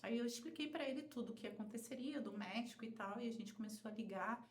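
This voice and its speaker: A woman with a Brazilian Portuguese accent, a podcast guest telling an emotional personal story in an animated way. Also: on the high side, quick pace, slight background noise. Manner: animated, acts out other people's quoted voices. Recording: roomy echo.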